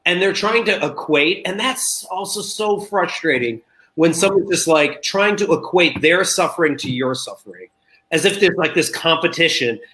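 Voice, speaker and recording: A man's voice: a little high, animated, moderate pace, pushed and bright, low-quality recording. A man as a guest in a casual conversation, telling stories and acting out the people he quotes. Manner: storytelling, acts out quoted voices.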